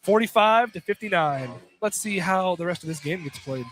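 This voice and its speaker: A man gives expressive live radio play-by-play of a basketball game in a high-pitched, fairly bright voice at a moderate pace. Casual, opinionated asides pepper his call, and the gym broadcast is noisy.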